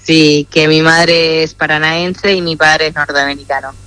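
A young woman takes interview questions over a phone line. She talks slowly and a little hesitantly, in a bright, clear, smooth voice. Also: low voice, level tone, dry recording. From United States. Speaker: athlete guest. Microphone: phone call over WhatsApp.

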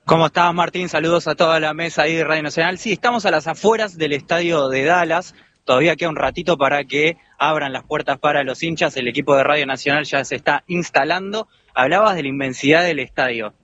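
A man with an Argentine Spanish accent files a live radio report from outside a stadium, describing the crowds in a relaxed, conversational way. His voice is slightly high, and the remote line sounds dull and lo-fi with faint noise. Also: quick pace. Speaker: field reporter.

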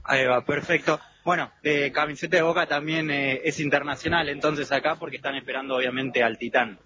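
A man with an Argentine Rioplatense accent doing a live radio field report and street interviews, pausing often with "eh". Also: fairly high pitch, fairly even intonation. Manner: hesitant with frequent "eh" fillers. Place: outdoor fan zone with people around. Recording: dull lo-fi radio with loud background noise.

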